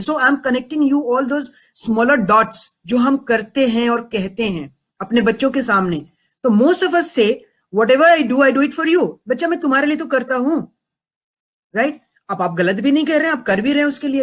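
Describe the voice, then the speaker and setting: An extremely high-pitched, somewhat bright male voice delivers a parenting talk to listeners. The coach mixes Hindi with English and repeatedly asks the crowd "am I right?".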